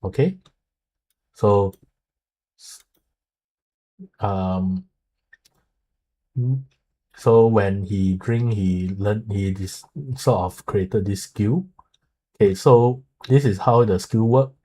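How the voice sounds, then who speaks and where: A man with a fairly low, husky voice talks through a game preview casually. His delivery is halting and explanatory, with a soft, mellow tone and frequent little connecting words. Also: steady tone, low-quality recording. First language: not Mandarin; speaks it haltingly. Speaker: streamer and video creator explaining a game. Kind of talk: casual live commentary translating an article.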